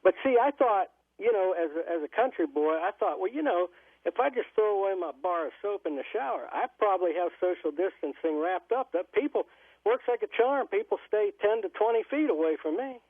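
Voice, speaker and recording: A man's voice: high-pitched, expressive, a little fast, husky, no echo. Male caller over a landline phone, rambling and folksy, dry thin phone sound. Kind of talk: casual call-in chat. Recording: tinny phone line.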